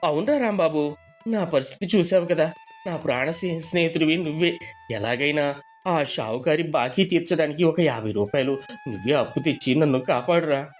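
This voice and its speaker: A man voicing a naive, generous village husband in an animated story, soft-hearted and trusting. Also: on the high side, normal speed, soft background music, close to an everyday voice. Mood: alarmed.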